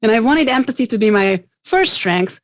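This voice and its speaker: A middle-aged business owner from Hungary talks earnestly in a casual interview, frequently restarting words and dropping in "you know." Her fairly high voice is expressive and moves at a normal speed. The sound is clean studio audio without echo.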